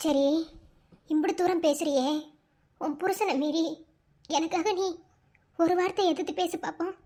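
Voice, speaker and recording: ஒரு பெண் பேசும் மனம் உடைந்த மதுரை வட்டார இளம் பெண். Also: female voice, very high voice, steady tone, moderate pace, warm tone, a little hiss or hum. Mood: bitter resigned. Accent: Madurai Tamil. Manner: bitter, resigned, weary. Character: sorrowful young village bride forced into engagement. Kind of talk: cartoon voice acting.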